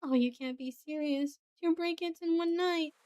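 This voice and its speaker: A woman's voice: very high voice, normal speed, no echo, voice pushed up. A woman doing a blunt, guarded investigator. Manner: blunt, sharp retorts. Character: tough, guarded female investigator, wary and blunt.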